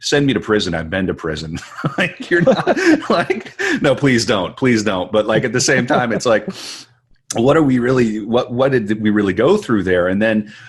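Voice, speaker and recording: He's a podcast host from western North Dakota whose voice sits on the low side, swings widely in pitch, and carries a breathy edge. At a moderate pace, he rambles reflectively in casual conversation.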